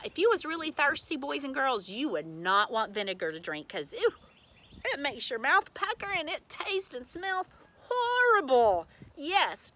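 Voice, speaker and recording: A preschool teacher tells a story to young children. Her voice is fairly high and bright, and she stays animated and direct with her class. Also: slight background noise. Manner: animated, talks straight to children.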